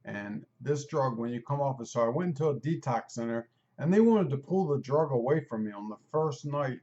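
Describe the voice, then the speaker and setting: A man in his fifties talking candidly and at length into the camera, rambling at a quick clip. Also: medium pitch, animated, dark tone, lo-fi sound. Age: 50s. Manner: candid, rambling, talks fast on purpose. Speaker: vlogger. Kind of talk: personal video talk.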